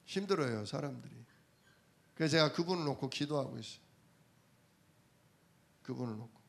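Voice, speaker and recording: A man's voice: mid-range voice, animated, normal speed, creaky. A man preaching a sermon, telling everyday stories and asking the congregation rhetorical questions. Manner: conversational storytelling from daily life.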